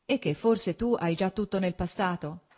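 A woman's voice: on the low side, moderate pace, darkish tone, voice pushed up, natural voice. A woman voicing an earnest, agitated young nobleman in love, in a pleading, urgent voice.

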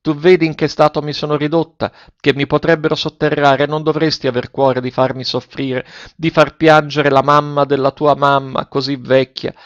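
A man reading aloud, voicing a frail, paralyzed old grandmother who pleads with sorrow in a raised, softer voice, in a dry, dull recording. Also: a little high, level tone, moderate pace, few pauses, dry recording, voice pushed up, natural voice. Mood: pleading.

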